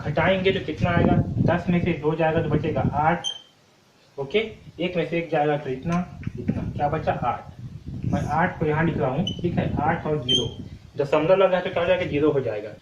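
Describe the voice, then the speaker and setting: A man's voice: a little high, normal speed. A male maths teacher working through a problem step by step, asking himself questions and checking in with "ठीक है" all the time. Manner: repeats questions and answers them himself, frequent "ठीक है" checks. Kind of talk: step-by-step board lesson. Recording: echoey room, distant mic, muffled sound, noisy.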